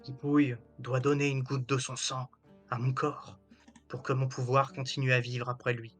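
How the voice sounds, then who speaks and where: Give the tabletop game an ancient feline god of the underworld, acted out by a man. He is solemn and grave, speaking from beyond the tomb in a deep, deliberate manner, with faint music underneath. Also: little pitch movement, a bit bright, close to an everyday voice. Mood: solemn, measured. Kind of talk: tabletop role-play acting.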